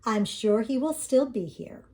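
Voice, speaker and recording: An older woman voicing a practical, caring storybook mother with a reassuring, gently firm manner. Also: fairly high pitch, lively intonation, measured pace. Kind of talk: children's storybook read-aloud.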